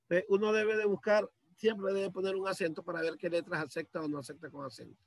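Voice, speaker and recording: Guy teaching a zoom computer class, pretty high voice, dry close sound, explains every click slowly. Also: fairly even intonation, no room sound. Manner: patient step-by-step explaining, addressing students. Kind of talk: screen-share computer lesson. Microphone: computer mic on a video call.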